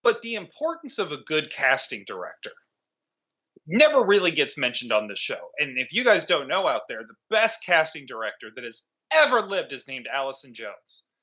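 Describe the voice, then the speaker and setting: Man, movie review chat, sarcastic and profane, high lively voice, dull lo-fi sound. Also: normal speed. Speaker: podcast co-host.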